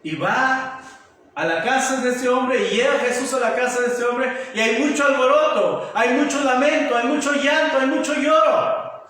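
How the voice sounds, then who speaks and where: A man's voice: extremely high pitch, normal speed, fairly bright tone. A man preaching a sermon as pastor, emphatic and repetitive, often asking the congregation rhetorical questions. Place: church sanctuary. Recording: very echoey church hall from far off.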